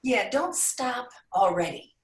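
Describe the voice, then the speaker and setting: Brief: female coach guest, measured and thoughtful, echoey room, off-mic. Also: a little high, very animated. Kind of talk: podcast interview. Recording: roomy sound, distant from mic.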